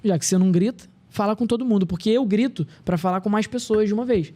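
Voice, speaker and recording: A man's voice: high-pitched, fast, dark tone, voice pushed up. A man voicing his father, an affectionate beach vendor from Bahia who teases him with a Bahian accent. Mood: affectionate teasing. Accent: Bahian Portuguese. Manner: teasing, fatherly, playful.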